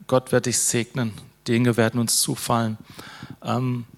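A man's voice: mid-range voice, level tone, a little slow, gravelly. A man preaching an informal sermon, conversational, with many fillers and tag questions. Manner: closes with a prayer.

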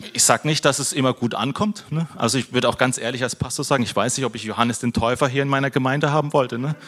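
A middle-aged male pastor giving a conversational sermon, tagging nearly every phrase with a quick question and slipping in self-mocking jokes. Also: mid-range voice, creaky, a bit bright. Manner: conversational, tag questions "ne?" after most phrases, self-deprecating humor. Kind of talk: casual sermon.

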